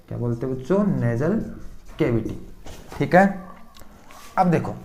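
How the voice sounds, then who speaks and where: A man's voice: on the high side, a little mellow. A man teaching a science lesson, asking the students questions and then repeating the answers back. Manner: repetitive call-and-response questioning. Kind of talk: classroom-style lesson.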